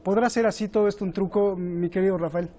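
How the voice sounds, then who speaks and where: A man's voice: sits high, fairly even intonation, fast talker, warm tone. A man hosting a political talk show, putting probing rhetorical questions to his guests. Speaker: host.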